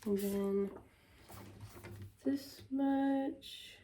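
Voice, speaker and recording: A woman narrates her small business vlog, softly and slowly walking through her work. Her high voice sounds stuffy and congested, and there's a little hiss or hum in the recording.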